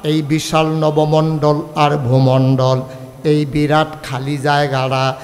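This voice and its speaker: Male preacher, high voice, sing-song storytelling sermon, long hall reverb. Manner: sing-song, animated storytelling, calls crowd to answer. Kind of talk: Bengali village sermon (waz).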